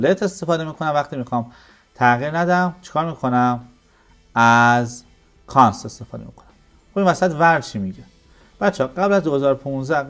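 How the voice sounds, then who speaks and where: Man teaching code over soft music. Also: medium pitch. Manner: explains step by step, asks and answers his own questions. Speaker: programming teacher. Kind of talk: screen-recorded coding tutorial.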